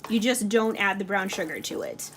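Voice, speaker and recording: With a medium-pitched, expressive voice at normal speed, a woman hosts a relaxed home cooking video, talking as she stirs a pot. Her chatter is full of fillers. Frying and stirring sounds come through as audible kitchen noise.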